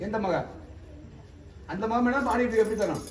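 A man's voice: sits high, normal speed. A man leading a ritual oracle session, coaxing and questioning people in a familiar way. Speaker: temple oracle medium. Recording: echoey, distant mic, loud background noise.

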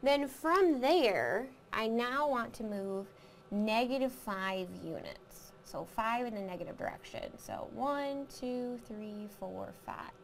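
A woman's voice: on the high side, expressive, slow pace, slight background noise. A woman teaching a recorded math lesson, explaining step by step, counting aloud and asking the class questions.

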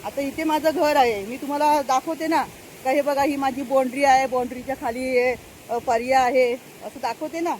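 Chatty older woman, high voice. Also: fairly even intonation, normal speed, darkish tone, a little hiss or hum, rough recording. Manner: chatty, keeps addressing viewers, laughs often. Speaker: farm vlogger. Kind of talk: casual vlog chat. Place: outdoors on a rural farm path.

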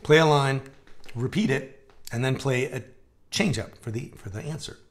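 This forties-aged man teaches guitar over a live stream from his home music room, guitars hanging on the walls around him. He speaks at a moderate pace in a mid-range voice, a bit gravelly from dryness, keeping things casual while he demonstrates and uses his hands to explain.

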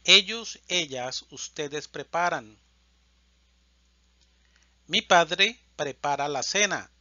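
Slow, bright-voiced male Spanish teacher. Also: fairly high pitch, expressive, no echo, highs cut off. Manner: slow and carefully enunciated, stressing each verb form. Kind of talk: slow, deliberate conjugation drill.

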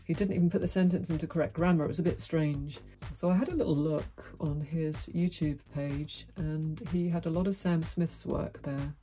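Speaking to camera from a small dim room with a brick wall, this middle-aged vlogger gives a candid, wry, outspoken monologue. Her deep voice is warm and steady, moving at normal speed with hardly any pauses, over faint background music.

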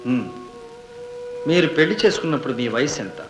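An actor playing a sharp, insistent lawyer cross-examining witnesses in an old film. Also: male voice, medium pitch, animated, fairly quick, over music, natural voice. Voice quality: probing, insistent. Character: sharp probing male defence lawyer. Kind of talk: 1970s Telugu film acting. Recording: echoey old film soundtrack.

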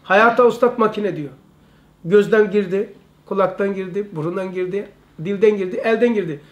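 High-voiced man teaching a religious lesson. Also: moderate pace. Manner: emphatic and repetitive, addresses listeners as brother.

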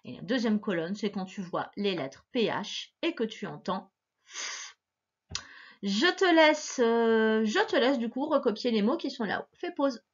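Patient woman teaching phonics, lively pitch. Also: highs cut off. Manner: patient, slow and encouraging, stressing each sound. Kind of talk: recorded phonics lesson for a child.

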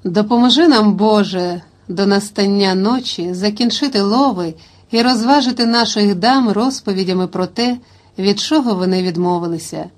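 A woman's voice: mid-range voice, normal speed, natural voice. Woman reading as a hearty young king. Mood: rousing. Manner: hearty, rousing calls to the hunt. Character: cheerful, spirited young French king, man.

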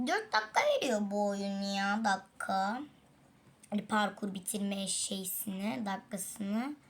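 A woman's voice: on the high side, fairly bright tone. A woman hosting a casual gaming video, chatting to viewers about her fails and sighing as she keeps falling. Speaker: gaming channel host. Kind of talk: casual let's-play commentary. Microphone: tablet.

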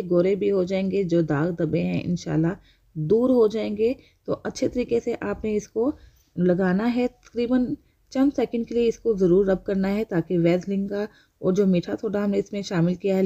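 A woman's voice: fairly low pitch, warm tone, lo-fi sound. A woman hosting a home remedy channel, speaking in a chatty, repeating how-to voice-over addressed to the viewer. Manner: chatty, repeats instructions, talks straight to the viewer. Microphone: voice-over over hands-only cooking footage.

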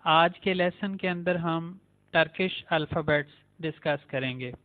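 A man teaching a beginner language lesson, saying each letter slowly and repeating it several times. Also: a little high. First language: Urdu. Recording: tinny phone-like sound.

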